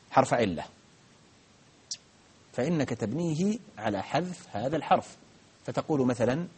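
A man with a medium-pitched, slightly mellow, husky voice teaches a live grammar lesson that includes questions. He explains patiently step by step, with frequent restarts and fillers.

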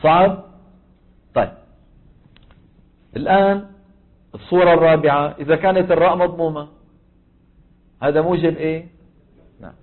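A man leads a Quran recitation lesson, his voice sitting a little high. He keeps quizzing the class and then supplies the answers himself. The sound is narrow and tinny, like a phone line. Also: steady tone, normal speed, pauses often.

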